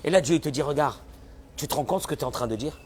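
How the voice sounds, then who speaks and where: A man giving a sermon as a rabbi, animated, often acting out the voices of people who complain. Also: fairly high pitch, rapid-fire, a little hiss or hum.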